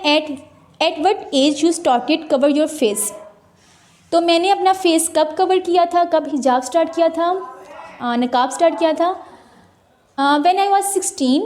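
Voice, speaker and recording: A young Pakistani student vlogger in her twenties, with a high and slightly mellow voice, films a casual Q&A on her mobile phone. She chats through viewer questions one at a time, offering practical advice.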